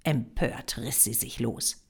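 A woman narrating a novel as an audiobook, expressive and dropping to a whisper in tense passages. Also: extremely low pitch, takes it slowly, creaky, husky.

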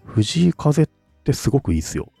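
A man's voice: mid-range voice, big pitch swings, brisk, creaky, dark tone, husky, no room sound, faint music behind. A man co-hosting a casual podcast chat, talking enthusiastically and laughing often. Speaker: podcast co-host.

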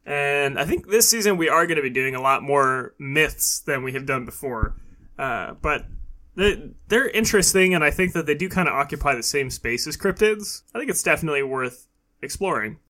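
A man's voice: a little high, expressive, normal speed, sharp tone. A man hosts a podcast, talking casually and explaining things in a conversational way. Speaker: podcast host.

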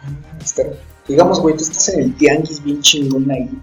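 A man's voice: on the high side, steady tone, brisk. A young man with a Mexican accent chatting casually as a podcast co-host, full of slang and swearing. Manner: slangy, profane, acts out imagined dialogue. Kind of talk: casual banter. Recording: roomy, distant mic, music behind.

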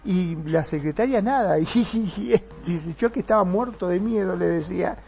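A woman's voice: lowish voice, moderate pace. A woman telling an anecdote in casual chat, acting out what people said. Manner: animated anecdote teller, shouts out quoted lines. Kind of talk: casual storytelling.

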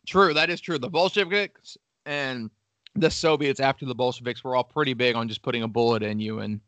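This podcast host talks fairly quickly in a medium-pitched, fairly bright voice, recorded dry. Running a laid-back history show, he narrates with crude humor and plenty of profanity.

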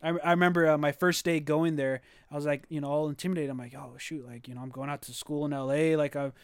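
A man's voice: fairly high pitch, steady tone, fast talker, clean tone, dry recording, studio quality. A young man from Southern California, co-hosting a podcast in casual chat, telling stories with many restarts and fillers. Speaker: podcast co-host.

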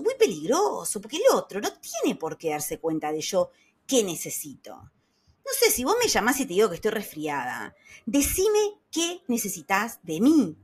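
A woman with an Argentine Rioplatense accent giving a casual motivational talk to her audience, conversational and lively, often acting out the voices of people she quotes. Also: mid-range voice, breathy edge.

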